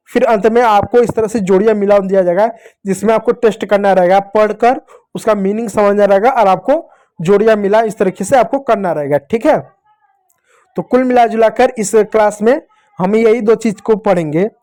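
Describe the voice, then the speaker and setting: Male teacher, mellow voice, drills letter sounds slowly for young learners, asks and answers his own questions. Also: sits high. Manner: slow, drawn-out pronunciation drills with repeated checks. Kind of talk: children's Hindi reading lesson.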